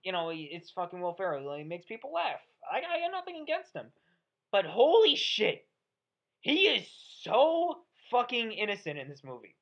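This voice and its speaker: A woman's voice: medium pitch, huge pitch swings, a little fast, few pauses. Woman vlogger doing a profane sarcastic movie rant, kinda muffled lo-fi audio. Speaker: movie reviewer. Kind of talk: ranting movie review. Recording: dull lo-fi audio.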